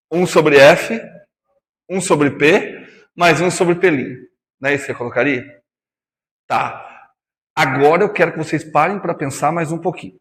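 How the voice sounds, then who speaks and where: A man's voice: fairly high pitch, a bit bright, long reverb tail. A man teaching physics in a classroom lecture with a Brazilian Portuguese accent, chatty and teasing, calling students by nicknames.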